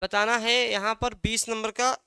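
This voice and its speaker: Teacher running an exam prep class, asks then answers own questions, bright sharp voice, dry close sound. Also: medium pitch, little pitch movement, moderate pace, clean tone, no room sound. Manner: drills by asking a question and answering it; repeats key words several times. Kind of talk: exam-prep language lesson.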